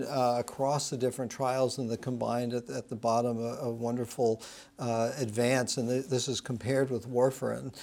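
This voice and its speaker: A man of middle pitch moderating a medical panel. He speaks in a halting way, full of uhs, as he steers the conversation toward the next topic. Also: a little mellow. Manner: halting, many fillers, steers the talk.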